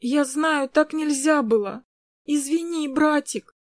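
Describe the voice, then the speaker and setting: Woman doing a tearful little girl for an audiobook, high and pleading. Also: animated, unhurried, dry recording, clean studio sound. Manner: sobbing, pleading.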